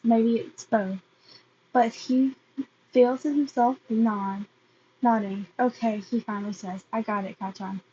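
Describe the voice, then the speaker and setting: A woman's voice: fairly high pitch, mellow, dull audio, slight background noise. A woman reading fan fiction aloud, hesitant and often restarting her phrases.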